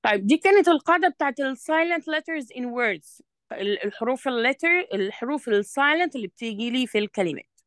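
A woman's voice: high voice, lively intonation, a bit bright, no echo. A woman with an Egyptian Arabic accent tutoring a student in English, explaining patiently and checking often that she is understood. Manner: reads English sentences slowly and deliberately. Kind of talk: one-on-one revision lesson.

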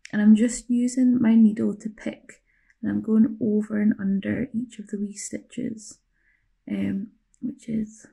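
A young woman talks through a hands-on craft demonstration in a small room, recorded close on a phone. Her voice has a slight gravelly edge and a middle-height pitch. She chats casually, often pausing and rephrasing as she thinks aloud. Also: dark tone. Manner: chatty, self-correcting, thinking aloud. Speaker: craft tutor.

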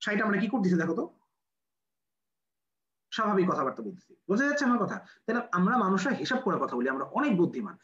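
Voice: medium pitch, sing-song, fast talker, long pauses, a bit bright. A physics lecturer with a Bangladeshi Bengali accent, teaching a class and quizzing students with rhetorical questions while repeating key numbers. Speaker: medical admission physics lecturer. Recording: roomy, dull lo-fi classroom recording.

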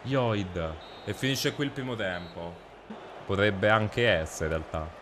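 A man's voice: on the low side, a little slow, background noise. A young man, a gaming streamer doing jokey mock football commentary over gameplay and mumbling asides.

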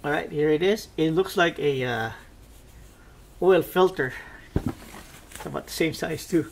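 A man casually narrating a product test as a reviewer, haltingly thinking aloud. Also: fairly high pitch, gravelly. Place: indoors at a tabletop. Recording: faint background noise.

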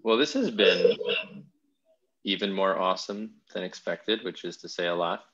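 A man's voice: deep voice, fairly even intonation, moderate pace, a bit bright, dull audio. A man hosting a podcast interview, talking in an enthusiastic, thoughtful way with frequent restarts. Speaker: podcast host. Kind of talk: casual interview chat.

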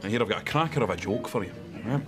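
An actor with a Scottish accent playing a jovial, pushy company boss telling jokes in sketch comedy, chuckling heartily. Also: male voice, fairly low pitch, lively intonation, rapid-fire, music in the background, lightly acted.

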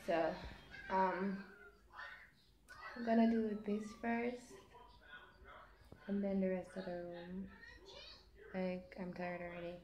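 A woman's voice: mid-range voice, slow, long pauses, reverberant, a little hiss or hum. A young woman in her twenties chatting casually to camera while cleaning her kitchen at home. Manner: relaxed, chatty asides. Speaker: vlogger. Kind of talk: casual cleaning vlog chat. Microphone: camera set on the counter.

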